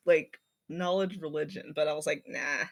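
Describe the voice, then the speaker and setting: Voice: mid-range voice, steady tone, normal speed, vocal fry. A player chatting casually at a tabletop game, hesitant and self-correcting. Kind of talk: casual chat.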